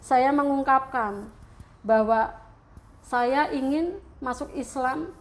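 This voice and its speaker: A middle-aged woman from Central Java telling her personal story in an interview, speaking with deep emotion that at times turns tearful. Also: takes it slowly. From Central Java, Indonesia. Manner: emotional, heartfelt storytelling that rises into tearful prayer. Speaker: interview guest.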